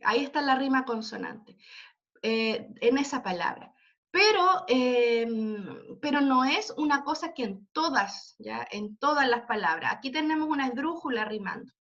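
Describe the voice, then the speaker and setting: Her voice high, fairly bright and lively in intonation, if a little slow, this online literature teacher walks students through the material step by step, often asking "¿ya?" or "¿cierto?" to check in. The video call is captured on a computer mic with dull, lo-fi sound.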